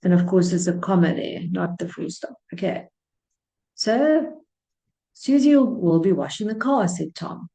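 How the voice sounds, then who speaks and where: Woman english teacher going thru grammar on a slide, slow and patient, soft mellow tone. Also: on the low side, lively intonation, gravelly. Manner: patient, repeats points step by step.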